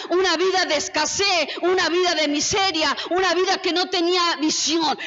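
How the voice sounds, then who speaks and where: Woman pastor, Argentine Spanish accent, very high voice, sermon, long reverb in a church hall. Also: dull audio. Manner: preaching with rhetorical questions, rising to shouts.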